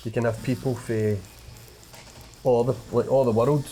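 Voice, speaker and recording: Mid-range, steady and mellow, this man's voice carries a thick, broad Glaswegian accent as he chats on a podcast at a moderate pace. He's a stand-up from Glasgow, Scotland, colloquial, using broad Scots words, swearing a bit and occasionally stuttering slightly. The recording is low quality with slight background noise.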